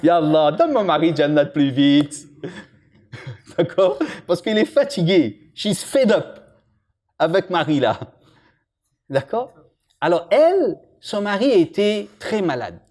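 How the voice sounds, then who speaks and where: A man gives a relaxed religious lesson. His voice swings widely in pitch, and he often turns to question and tease the people listening. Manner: lively, jokes with and questions the audience. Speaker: imam teaching a religious lesson.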